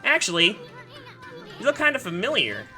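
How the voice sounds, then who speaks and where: A tiny male wandering artist brags and bristles in a pushed-up, bright voice, as a woman puts him on. He swaggers through every line, lively and pitched high. It is a video game character. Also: faint music behind. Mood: cocky. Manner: cocky, brash and quick.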